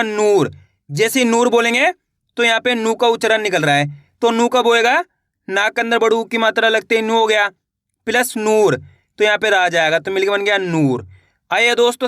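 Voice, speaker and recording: A man with a high voice leads a beginners' writing lesson and breaks each word into syllables that he draws out slowly. He says each word, asks for it back and keeps calling his viewers friends. The sound is dry and close, with no room around it. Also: pushed and bright, dry recording. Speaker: teacher.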